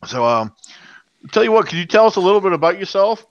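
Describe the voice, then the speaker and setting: A man hosting an online panel in a casual, halting, easygoing way. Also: high voice, sing-song, no room sound, dull audio.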